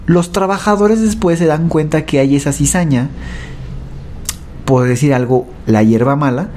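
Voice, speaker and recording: A man with a Mexican accent tells his faith testimony in a warm, dark-toned voice. He speaks haltingly, restarting phrases and tagging his sentences with a quick question. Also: fairly high pitch, a little hiss or hum. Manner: halting, often adds "¿verdad?" and repeats words.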